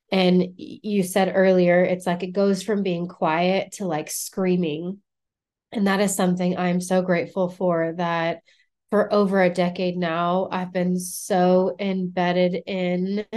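A woman's voice: on the low side, a little mellow. A woman guest on a casual podcast interview, a coach speaking earnestly and reflectively with many "like" fillers.

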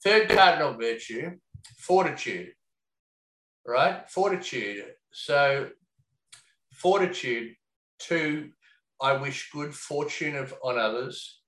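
Guy chatting loose and thoughtful, lots of "you know"s and some swearing, mid-pitched voice, roomy echo. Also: expressive, slow, long pauses, fairly bright tone. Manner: reflective, rambling with many fillers and casual swearing. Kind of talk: casual conversation. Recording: echoey room.

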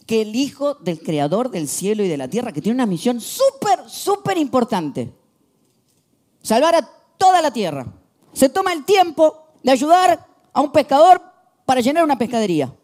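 A young man with a Rioplatense Spanish accent preaching a sermon, telling stories with lively shifts from hushed to emphatic. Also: very high-pitched, normal speed. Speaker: pastor.

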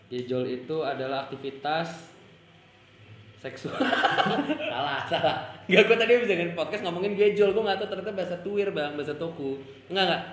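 A man's voice: fairly high pitch, lively intonation, a little fast, roomy sound, slight background noise. A man co-hosting a casual podcast, rambling in slang and laughing often. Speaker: podcast co-host.

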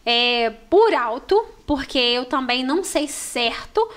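A woman speaks with a Minas Gerais Brazilian accent in a relaxed podcast conversation. Her voice sits fairly high, and she tells her stories with animated warmth. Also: slow pace. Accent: Brazilian Portuguese, Minas Gerais. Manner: animated storyteller, warm and expressive. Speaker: store manager guest. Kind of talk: casual podcast chat.

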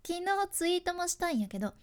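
A woman with a Fukuoka accent giving a casual speaking lesson as a voice coach, chatty and expressive, switching between polite speech and local dialect. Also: very high-pitched, fast.

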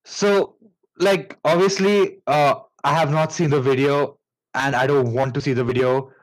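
A man with an Indian accent hosting a casual podcast, telling a story in a rambling, halting way with many fillers and restarts. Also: on the high side, fairly even intonation, low-quality recording. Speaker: podcast host.

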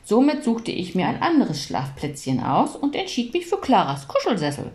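A woman reading a children's storybook aloud in a lively, expressive way. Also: fairly high pitch, normal speed. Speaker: audiobook reader.

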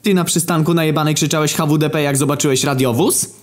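A man voicing a gruff, paunchy, mustached middle-aged male cop who mocks and swears. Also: on the high side, fairly even intonation, quick pace, voice pushed up, close to an everyday voice. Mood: menacing. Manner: rough, mocking, swearing.

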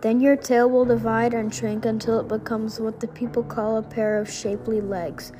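A woman's voice: fairly high pitch, little pitch movement, close to an everyday voice, poor audio. Woman reading as a cruel sea witch. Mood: stern. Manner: halting, rereads stumbled words. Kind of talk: reading a fairy tale aloud.

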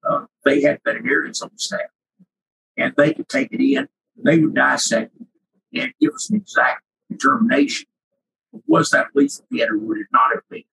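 An older man with a cracking, husky voice and sinus trouble, reminiscing casually and haltingly as an interview guest. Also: mid-range voice, a bit bright, low-quality recording. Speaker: interview guest, retired researcher.

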